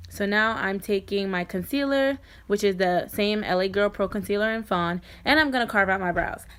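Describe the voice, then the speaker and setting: A woman talking informally and directly to viewers in a casual, chatty makeup tutorial voice-over. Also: medium pitch. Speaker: beauty vlogger.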